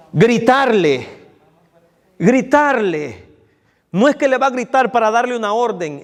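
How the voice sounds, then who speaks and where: A man preaching an evening sermon to his congregation, speaking to them directly and repeating phrases for emphasis. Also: extremely high pitch. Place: church hall. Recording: long reverb of a church hall.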